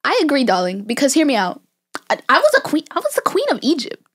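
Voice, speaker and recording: Young woman playing Cleopatra, boastful queen, slangy, drawling, fairly high voice. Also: huge pitch swings, fast talker, fairly bright tone, heavily acted. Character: Cleopatra, brash modern-talking Egyptian queen. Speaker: student playing an interviewee. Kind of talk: school project role-play interview.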